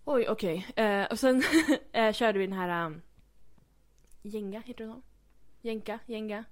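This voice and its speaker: Young woman, casual chat, storytelling, many fillers. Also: mid-range voice. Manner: chatty storytelling, acts out quotes, many fillers.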